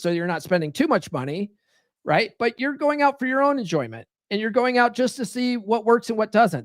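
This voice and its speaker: A podcast host with a high voice talks loosely and profanely, peppering his casual live-stream monologue with "right?" and "like." The recording is dry, with clean studio sound.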